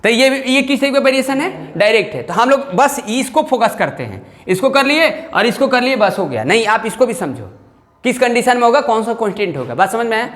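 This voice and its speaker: A man's voice: extremely high pitch, big pitch swings, brisk, fairly bright tone. Male teacher coaxing answers from a class. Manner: keeps checking if students follow, coaxing questions. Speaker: maths teacher. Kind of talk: classroom lecture. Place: classroom with students. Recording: long reverb in a classroom.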